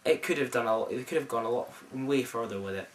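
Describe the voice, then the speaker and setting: A young Scottish man reviewing a film in casual chat, enthusiastic and rambling with lots of restarts, recorded in a friend's flat. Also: medium pitch, quick pace. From Scotland. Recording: roomy, mic at a distance.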